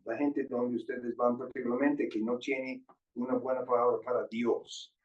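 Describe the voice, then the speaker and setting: A man at an ordinary pitch putting direct questions to a guest speaker. His voice sounds distant and bounces around an echoing church hall. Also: flat delivery, normal speed, dull audio. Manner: inquiring, direct. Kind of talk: church Q&A talk. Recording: echoey church hall from far off.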